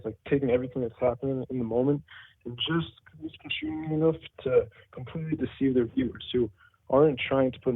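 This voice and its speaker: A man from New Jersey calling in to a talk show, talking quickly and earnestly with many fillers over a muffled, quiet headset phone line that sounds underwater. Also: mid-range voice, no echo. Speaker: caller. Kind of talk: call-in talk show chat.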